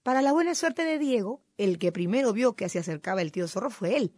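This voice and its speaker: A woman narrating a folk tale in an expressive, dramatic storytelling manner. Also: fairly high pitch, a little fast, no echo, studio quality.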